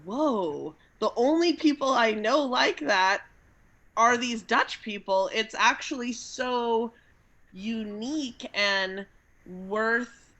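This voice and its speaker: Woman cohost on a video call, talks slow and bright, lots of ums while she thinks. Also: on the high side. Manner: thoughtful, hesitant, many fillers. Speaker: podcast co-host. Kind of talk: casual interview chat.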